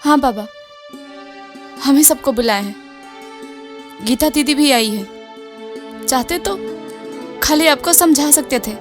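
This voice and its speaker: An earnest, determined village girl , played by a woman, speaking plainly in rustic dialect. Her voice is high. Soft music plays in the background. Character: determined village girl grown into art teacher.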